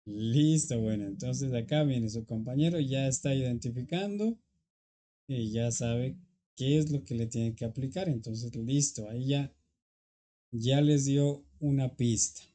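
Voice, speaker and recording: A man's voice: mid-range voice, a little slow, mellow. A man teaching an English grammar lesson, patiently explaining and checking in with students.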